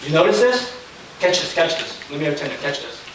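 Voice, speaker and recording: A man preaching a sermon as pastor, animated and quizzing his congregation. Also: fairly high pitch, fairly quick, background noise. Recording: echoey room from far off with crowd. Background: congregation voices.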